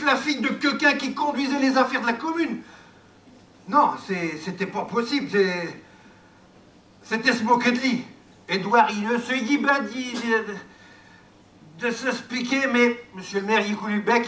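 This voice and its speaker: A man's voice: sits high, bright, forceful tone. A man telling a rustic folk tale in a homely way, with asides to his listeners. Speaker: storyteller. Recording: echoey, from far off, faint noise.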